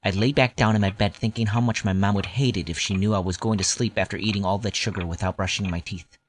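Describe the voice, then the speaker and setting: In scripted first-person audio drama narration, a man plays a grown-up recalling his boyhood with wry nostalgia. His voice is on the low side and steady, he talks fast, and the acting is light.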